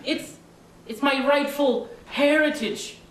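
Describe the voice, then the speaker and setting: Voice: sits high, slow, crowd noise. A performer playing a boastful, mischievous little male leprechaun, who answers questions with sly wordplay in a comedy sketch. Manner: cheeky, sly, rambling, fond of wordplay. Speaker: interview guest. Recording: echoey room, distant mic, faint noise.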